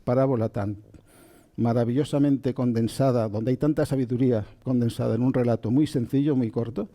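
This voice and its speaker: A man giving a slow, calm lecture on spiritual texts, checking in often with his listeners. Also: mid-range voice. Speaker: spiritual teacher. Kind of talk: calm spoken lecture on Kabbalah.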